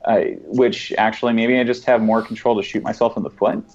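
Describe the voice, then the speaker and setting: A man's voice: fairly low pitch, fairly even intonation, fairly quick, a little mellow. A man with a mid-range voice talks on a tech podcast through a dull, muffled recording. He jokes at his own expense and asks the others questions. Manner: self-deprecating, joking, asks questions. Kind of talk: casual tech podcast chat.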